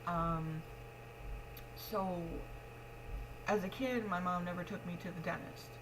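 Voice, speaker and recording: A pregnant young woman vlogs in a frank, rambling, confessional way, speaking slowly and steadily in a slightly low voice. Missing front teeth shape her speech, and her delivery stays matter-of-fact. Clear background noise and a hum are audible.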